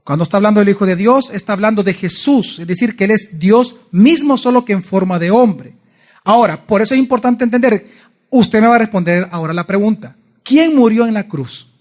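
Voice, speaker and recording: A male pastor gives a Bible study sermon in church. His voice sits high for a man, and he keeps stopping to put questions to his listeners. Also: brisk. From El Salvador. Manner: asks the congregation frequent questions.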